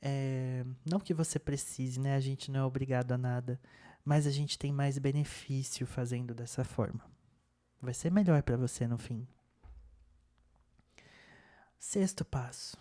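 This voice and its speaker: A young man presenting a self-help lesson in a calm, casual way, often repeating and rephrasing as he goes. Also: medium pitch. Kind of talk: casual instructional talk.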